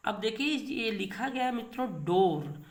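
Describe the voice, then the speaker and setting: A man's voice: sits high, animated. Guy teaching grammar, keeps asking the class questions, stretches out the example lines. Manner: quizzes students with rhetorical questions and repeats key words; emphatic, drawn-out reading of example sentences. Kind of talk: classroom lecture.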